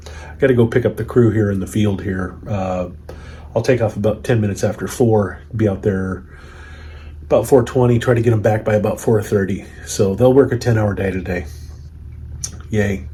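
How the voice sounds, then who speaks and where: Low-voiced American man, halting vlog chat. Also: warm tone, a little hiss or hum. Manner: halting, rambling, wry. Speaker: farm vlogger. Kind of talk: casual, unscripted vlog chat. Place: farm office, indoors.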